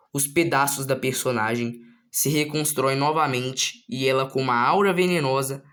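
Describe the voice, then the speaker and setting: A man casually retelling the story of his own manga, relaxed and slangy, with frequent filler tags. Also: mid-range voice. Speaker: manga author.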